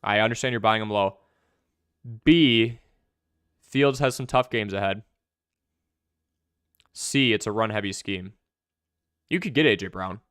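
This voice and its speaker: Fast-talking young man, smooth low voice. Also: a bit bright, dry recording, studio quality. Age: young adult. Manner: fast, chatty, answers viewer questions. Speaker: fantasy football streamer. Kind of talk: live stream Q&A commentary.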